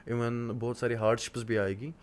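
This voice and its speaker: A man's voice: medium pitch, level tone, moderate pace. A man in his twenties from Kashmir, a podcast guest, talking about hard work in an earnest, motivational way with many hesitant fillers. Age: 20s. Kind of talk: casual interview talk.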